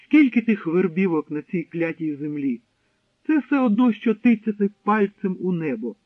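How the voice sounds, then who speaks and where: A man's voice: high voice, very animated, normal speed, no room sound. A man reading an audiobook, voicing an arrogant, cruel German SS captain who barks and boasts. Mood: scornful. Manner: barking, shouting, pompous. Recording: dry, tinny narrow-band sound.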